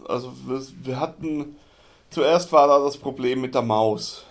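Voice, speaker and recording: A man's voice: mid-range voice, measured pace. A man co-hosting a casual podcast chat, hesitant and given to sarcastic jokes. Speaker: podcast co-host.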